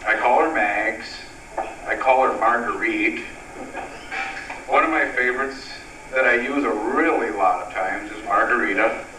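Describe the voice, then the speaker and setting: Casting: middle-aged father of the bride, sentimental wedding toast, mid-pitched voice, recorded from a distance in a noisy room. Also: unhurried, echoey room.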